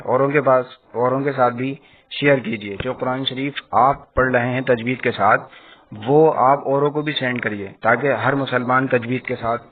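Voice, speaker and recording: A man giving an online Quran reading lesson. He spells syllables out slowly, then explains at a brisk pace. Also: mid-range voice. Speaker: Quran teacher. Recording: tinny phone-like audio with faint hiss.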